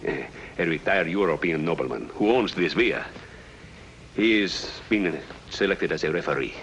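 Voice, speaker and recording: An actor playing a formal, anxious government second-in-command in a 1950s radio drama. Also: male voice, deep voice, lively intonation, normal speed, a bit bright, slight background noise, low-quality recording. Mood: worried. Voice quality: formal, stiff.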